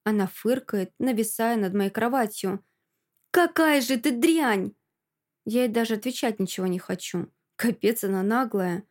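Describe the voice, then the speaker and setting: A woman's voice: mid-range voice, normal speed, few pauses, darkish tone. Woman reading a dramatic audiobook. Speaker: audiobook reader. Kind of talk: first-person audiobook narration.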